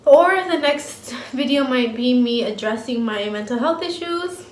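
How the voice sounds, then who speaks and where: A woman's voice: high-pitched, lively intonation, a little slow. A young woman vlogger chatting casually while eating, blunt and slangy, laughing easily. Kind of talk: casual mukbang chat. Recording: roomy home sound with faint ambience.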